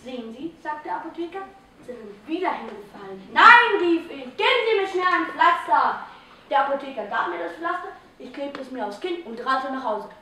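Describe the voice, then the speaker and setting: A woman's voice: high-pitched, animated, moderate pace, sharp tone, a little hiss or hum. A young woman on stage reciting a first-person tale of clumsy misfortune, voicing the quotes within it. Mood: exasperated. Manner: dramatic recitation with voiced quotes. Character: hapless woman telling of falling on ice again and again. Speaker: stage actor in a school theatre group. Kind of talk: theatrical first-person storytelling. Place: stage in a hall. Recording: echoey hall from far off.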